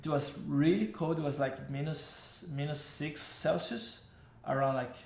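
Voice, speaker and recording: This Brazilian vlogger in his thirties, whose first language is Portuguese, speaks in a highish, creaky, slightly mellow voice, unhurried and reverberant. His casual personal story wanders, with self-corrections and plenty of "like" and "uh."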